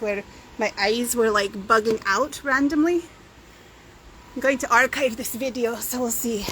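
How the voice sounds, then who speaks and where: This Scottish-sounding woman, vlogging from home with a handheld camera or phone, has a slightly high voice and rambles casually, putting herself down in passing. The recording is low quality, handheld home video with clear background noise.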